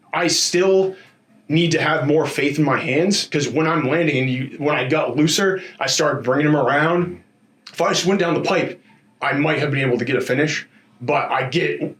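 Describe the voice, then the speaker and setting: A man speaking as a fighter in a casual post-fight interview, in an informal, rambling and animated storytelling way with slangy asides. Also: medium pitch. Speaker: MMA fighter being interviewed after a bout.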